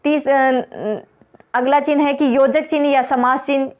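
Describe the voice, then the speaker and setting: High-voiced woman teaching a lesson. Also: flat delivery, a little mellow. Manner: explains step by step, repeats key points; reads examples slowly. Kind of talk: exam prep lesson.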